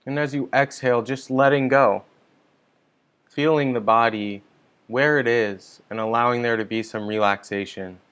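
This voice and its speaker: A man leading a guided meditation online, giving calm, gentle, unhurried instructions. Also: mid-range voice, clear, resonant tone. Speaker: meditation teacher. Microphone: online stream mic.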